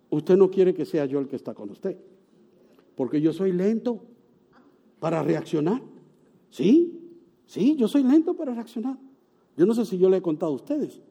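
A male pastor with a high voice preaches a sermon, telling a story. He swings between animated, sometimes loud exclamations and soft, hushed moments.

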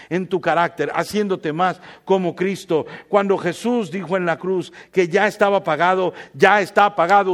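A man preaching a sermon to a congregation, moving between hushed storytelling and loud, impassioned preaching, joking with the crowd. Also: high voice. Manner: jokes with the congregation. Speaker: pastor. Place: church before a congregation.

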